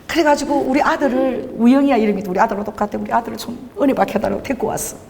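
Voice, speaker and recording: A woman's voice: on the high side, very fast, creaky. A middle-aged woman pastor preaching a sermon, telling stories with laughter and acting out dialogue. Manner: animated, laughing, acts out dialogue. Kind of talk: sermon with storytelling. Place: church sanctuary. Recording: long hall reverb.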